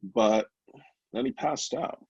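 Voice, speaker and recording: A middle-aged man, a podcast guest, candidly telling a personal story in a rambling, animated way, acting out the voices of the people he quotes. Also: medium pitch, takes it slowly, creaky, breathy edge, no room sound. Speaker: podcast guest, brownie company founder. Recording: slightly dull, lo-fi remote audio.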